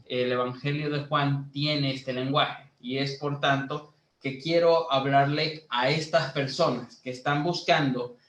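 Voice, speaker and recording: A man from Bolivia giving a sermon to a youth group as a lay preacher, teaching slowly with many fillers and building to emphatic preaching. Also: medium pitch, fairly even intonation, a bit bright, echoey room, rough recording.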